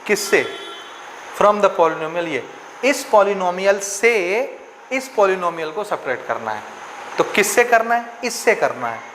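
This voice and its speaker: A man from India teaches a maths lesson in a fairly high voice. He walks through each step, repeats key rules and keeps asking his students questions. A faint background hum sits under the recording. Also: a bit bright. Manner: repetitive, questioning, checks understanding often. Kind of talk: classroom lesson explaining step by step.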